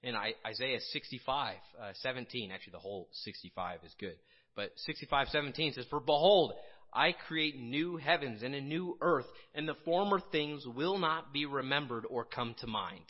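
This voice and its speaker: Halting conversational male preacher, dull sound. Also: medium pitch, expressive. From Illinois. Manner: conversational, halting with many restarts and fillers. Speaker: pastor. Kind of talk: casual sermon.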